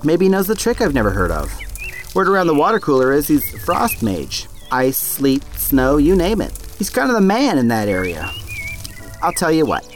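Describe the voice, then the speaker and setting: Man as an easygoing dad mage, joking, hesitant, very lively pitch, soft music under, fan drama. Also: moderate pace. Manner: laid-back, joking, hesitant.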